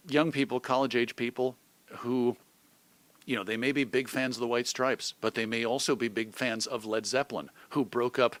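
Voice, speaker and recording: On a dry recording, a middle-aged American man's medium-pitched, slightly bright voice comes through as he talks in a relaxed, reflective way. He's an old-time radio host being interviewed, thinking aloud discursively and thoughtfully, using examples and imagined quotes to make his points.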